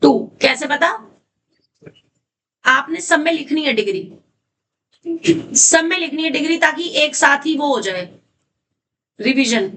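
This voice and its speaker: A woman's voice: high-pitched, animated, measured pace, long pauses, fairly bright tone. A woman math teacher who drills her students, repeats her questions and calls on them by name. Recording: distant mic with faint noise.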